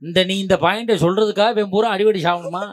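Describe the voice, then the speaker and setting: High-voiced man heckling as a judge. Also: steady tone. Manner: teasing, quick retorts. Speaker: debate judge. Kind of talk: heckling debate moderation.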